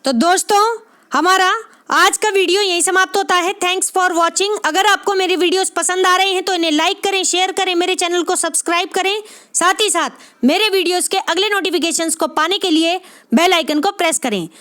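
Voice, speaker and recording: Woman tutor, very high voice, repeats answers, patient exam-prep teaching. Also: steady tone, moderate pace, pushed and bright. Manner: repeats answers, frequent "ठीक है" check-ins. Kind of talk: exam-prep lesson, repetitive explanation.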